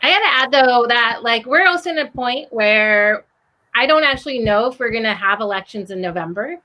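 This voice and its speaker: Bright-voiced woman urging on a video call. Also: fairly high pitch, animated, brisk, poor audio. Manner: earnest, urging, with many likes. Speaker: podcaster. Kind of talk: casual video-call discussion.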